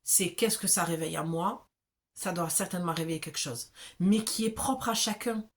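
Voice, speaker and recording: A woman with a southern French accent talks the viewer through an oracle card reading. Her voice sits a little low, and her manner is loose, familiar and conversational. She often pauses to check in with the listener. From south of France. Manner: chatty and familiar, with frequent check-ins.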